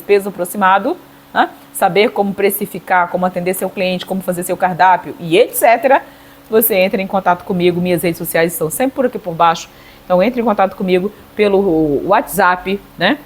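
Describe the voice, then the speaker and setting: Brazilian lady teaching cake baking, chatty, keeps checking in w viewers, mid-pitch voice. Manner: chatty, sprinkles "tá?" and "certo?" tag questions. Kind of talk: casual tutorial to camera.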